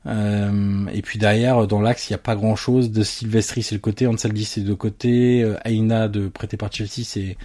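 A man's voice: on the low side, little pitch movement, moderate pace, hardly any pauses, warm tone. Chatty man hosting football talk. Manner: hesitant, many fillers, teasing. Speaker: football podcast co-host. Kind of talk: casual chat about Italian football.

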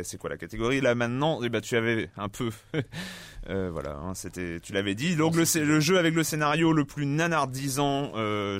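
A man's voice: medium pitch, no room sound. A man hosting an easygoing gaming podcast, in a dry, close sound with no room in it. He laughs a lot and keeps things light as he moves the show along. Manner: laughs often, jokey. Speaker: host. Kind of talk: casual podcast chat.

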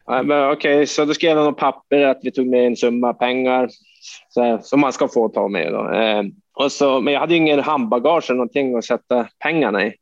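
A man's voice: mid-range voice, no room sound. A man from Sweden rambles through a story as a podcast guest, full of fillers and blunt curses. His voice is dry and close, with a dull, slightly muffled sound. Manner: rambling, swears freely, many fillers. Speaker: hockey player guest. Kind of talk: casual anecdote telling.

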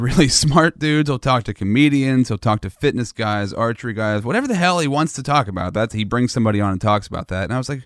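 A man's voice: mid-range voice, no echo, studio quality. A man hosting a podcast, chatting casually, self-deprecating and laughing easily. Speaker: podcast host. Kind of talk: casual chat.

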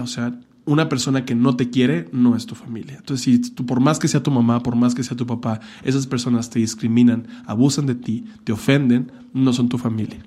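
A man's voice: medium pitch, mellow, husky. A man with a Mexican accent talking casually and earnestly, giving blunt advice with campy, profane asides. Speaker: podcast guest telling his coming-out story. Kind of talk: casual chat.

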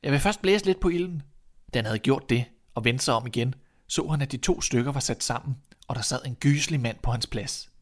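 A man reads a fairy tale aloud at a mid pitch. His telling is calm and measured, paced for listening. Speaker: narrator. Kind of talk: storybook reading.

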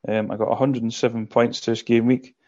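A man's voice: mid-range voice, little pitch movement, a little fast, dark tone. A man with a Scottish accent chatting casually as a podcast panelist over a lo-fi internet call. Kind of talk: casual fantasy football podcast chat.

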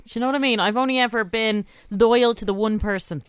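A woman's voice: on the high side, fast talker, clean tone, dry recording. A woman with an Irish accent co-hosting a radio show with chatty, informal delivery. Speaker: radio co-host. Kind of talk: casual radio banter and prize read.

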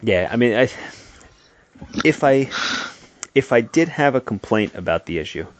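A man's voice: mid-range voice, lively intonation, normal speed, dry recording. A man co-hosting a comic book podcast, chatting casually and laughing often as he talks. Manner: easygoing, laughs often while talking. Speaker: podcast co-host. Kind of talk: casual chat.

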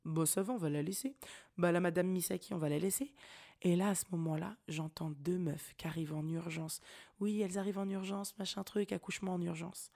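A young woman hosting a podcast, telling a personal story in a casual, slangy, animated way and laughing often. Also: fairly low pitch, brisk, gravelly. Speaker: podcast host.

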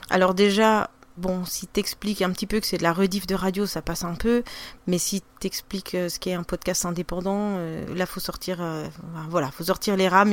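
A woman, a podcaster, with a regional French accent, chatting loosely in an interview with lots of fillers and restarts. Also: on the low side. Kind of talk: casual interview chat.

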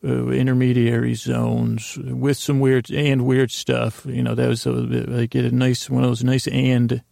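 A man hosts a sleep podcast in a medium-pitched, gravelly, creaky voice that stays completely flat, unhurried and warm. His bedtime talk rambles and meanders, its pace drifting as he often cuts himself off mid-thought. The recording is dry, with clean studio sound.

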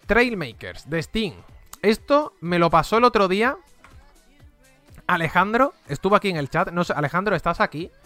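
A man's voice: high voice, animated, brisk, bright, forceful tone, faint music behind. A man with a Spain Spanish accent chatting casually on a live stream, running game giveaways and muttering exclamations as he goes.

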